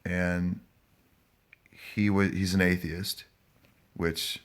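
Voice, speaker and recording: A man chatting casually to live viewers in a stoned, hazy, halting, rambling manner. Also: sits low, level tone, smooth. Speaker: live-streaming vlogger.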